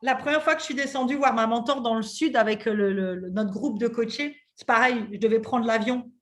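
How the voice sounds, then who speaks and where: Woman host in her thirties, fairly high voice, lively casual chat, swears freely. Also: fairly quick. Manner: animated, swears casually, many fillers. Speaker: podcast host and coach.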